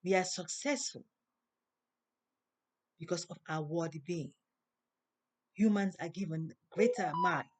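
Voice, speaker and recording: Woman preaching slowly with emphatic rises. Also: fairly low pitch, darkish tone, a little hiss or hum. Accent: non-native English. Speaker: host. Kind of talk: inspirational monologue.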